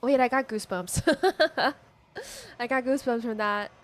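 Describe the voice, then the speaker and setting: A woman's voice: high-pitched, lively intonation, a little slow. A woman giving casual commentary on a video game and reading its text aloud as a streamer. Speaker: gaming streamer.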